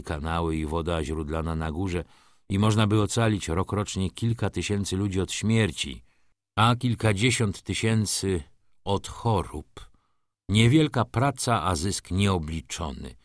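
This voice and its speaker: A man reading a novel aloud in measured, even scripted narration. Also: sits low, dry recording, clean studio sound.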